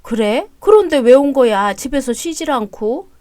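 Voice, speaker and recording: A woman voicing a fiery but caring older mother-in-law in an audio drama story, fussing and scolding loudly. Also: high-pitched, lively intonation, normal speed, no echo, studio quality. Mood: soothing.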